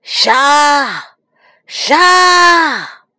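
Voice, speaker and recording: A woman voicing menacing, cruel dragon kings in a storybook, bellowing slow threats. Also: high voice, sing-song, sharp tone, dry recording, studio quality, voice pushed up, full character voice. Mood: bloodthirsty.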